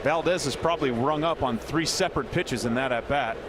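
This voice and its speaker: A man's voice: medium pitch, fairly quick, a loud crowd, heavy background noise. An American man working as a baseball color analyst, explaining plays in conversational live commentary.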